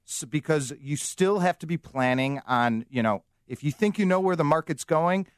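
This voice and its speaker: A man's voice: on the high side, animated, normal speed, dry recording, clean studio sound. A man, a mortgage guest confidently explaining loans on a radio show.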